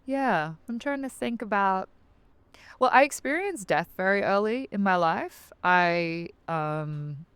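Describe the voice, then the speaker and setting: A woman from Australia with an Australian accent, a business coach guest who chats casually and keeps affirming with quick "yeah"s. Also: medium pitch, expressive, a bit bright, clean tone, dry recording. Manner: chatty, affirming, many "yeah"s. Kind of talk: casual podcast conversation.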